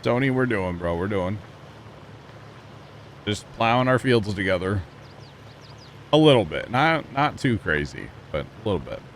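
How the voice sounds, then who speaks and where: A man with a fairly low voice chats casually with his viewers as he plays. His voice comes through a livestream headset mic. He talks in a relaxed, chatty way, with a faint hiss underneath. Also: unhurried, long pauses. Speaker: livestreamer playing a farming game. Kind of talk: casual livestream chat and game talk.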